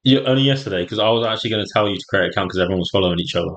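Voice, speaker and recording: Deep-voiced English male co-host, fast and offhand. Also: poor audio. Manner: quick, rambling, offhand. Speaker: podcast co-host. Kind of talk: casual chat.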